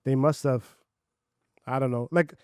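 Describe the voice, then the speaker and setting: A man's voice: mid-range voice, fairly even intonation, a little slow, a little mellow, clean tone, dry recording, clean studio sound. A man co-hosting a casual chat, emphatic and opinionated, a parent of a young child. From Canada. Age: adult parent of a young child. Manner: opinionated, emphatic, spells words out. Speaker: podcast co-host.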